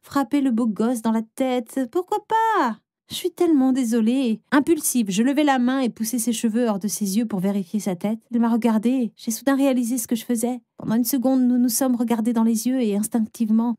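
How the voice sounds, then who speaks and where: A woman narrating a first-person animated story as a dramatic, expressive teenage girl. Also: fairly high pitch, fairly quick, dry recording, clean studio sound, close to an everyday voice. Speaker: narrator and heroine.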